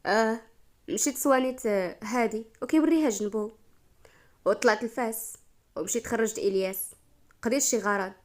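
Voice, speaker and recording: A woman with a Moroccan accent voicing a shy, soft-spoken sixteen-year-old village girl. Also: fairly high pitch, fairly quick, pauses often, natural voice. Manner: soft, bashful.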